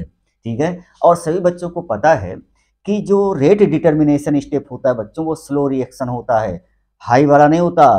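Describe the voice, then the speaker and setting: A man's voice: fairly high pitch, a little mellow. A man teaching a chemistry class in Hindi with English terms mixed in, often addressing the students as children and answering his own questions. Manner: keeps calling the students "बच्चों"; repeats key terms with rising and falling emphasis. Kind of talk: classroom lecture.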